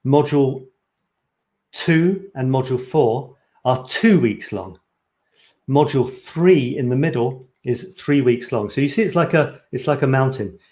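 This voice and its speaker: A man's voice: medium pitch, a little slow, darkish tone, reverberant. A man from Scotland, a photography coach, presenting his course on a live stream in an eager, chatty way, often correcting himself mid-sentence. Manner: enthusiastic, chatty, self-correcting.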